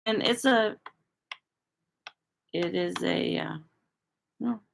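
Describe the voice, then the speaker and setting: A woman's voice: mid-range voice, drawn-out words, creaky, slight background noise. A woman hosting a casual livestream, talking loosely to viewers, rambling and swearing freely. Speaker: livestream host reading viewer chat.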